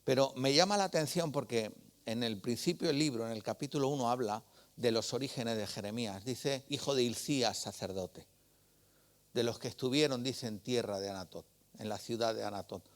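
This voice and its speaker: A man's voice: medium pitch, moderate pace. A man preaching a sermon, telling stories in a conversational way and asking the congregation rhetorical questions.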